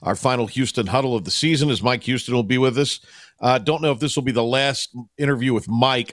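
Male sports radio host, mid-pitched voice, halting and meandering talk, long hesitations, dry close studio sound. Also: a bit bright, dry recording. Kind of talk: unscripted sports talk show.

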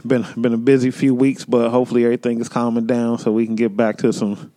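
Relaxed man co-hosting a podcast. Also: mid-range voice, fast talker. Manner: relaxed, laughs a lot, swears freely. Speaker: podcast co-host. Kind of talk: casual podcast chat.

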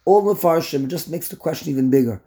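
Guy giving a torah class, animated, repeats himself a lot, mellow higher voice. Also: quick pace. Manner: animated, repeats words, acts out the characters. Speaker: Torah teacher. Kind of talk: lecture on a text.

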